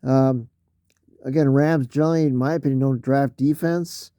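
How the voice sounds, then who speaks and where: In a studio-quality recording with no echo, a man with a mid-range, dark voice and steady tone is losing his voice. He casually works through a solo mock draft, halting, filling gaps with fillers and often clearing his throat.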